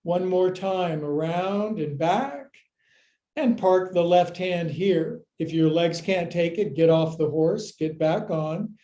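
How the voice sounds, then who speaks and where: A man's voice: high voice, slow, dark tone. A man teaching a live yoga class, cueing moves with playful jokes and counts. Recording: echoey room.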